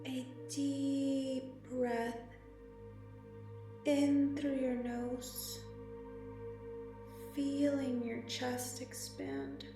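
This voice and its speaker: A woman speaking slowly and softly with long pauses, guiding a meditation. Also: high voice. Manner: slow, soft and soothing, with long pauses. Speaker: meditation guide. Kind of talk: guided meditation narration. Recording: very echoey, slightly distant, music behind. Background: meditation music and singing bowl.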